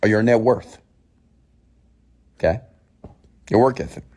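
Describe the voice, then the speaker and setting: Very deep-voiced man, blunt motivational speaker. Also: a little slow, warm tone, slightly rough. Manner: blunt, scolding; emphatic, repeats phrases and poses rhetorical questions. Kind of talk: motivational mindset talk, preaching to an audience.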